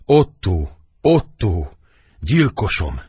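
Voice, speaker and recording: A man's voice: sits low, big pitch swings, darkish tone, breathy edge, no echo, studio quality, exaggerated voice. A proud dying queen, as a man reads her. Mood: desperate. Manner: raised, pleading stage delivery. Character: proud dying queen, middle-aged woman.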